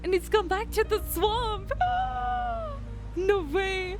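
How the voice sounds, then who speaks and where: A woman with a cute anime-streamer voice, giving expressive, exclaiming live reactions in casual commentary. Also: very high voice, measured pace, soft background music.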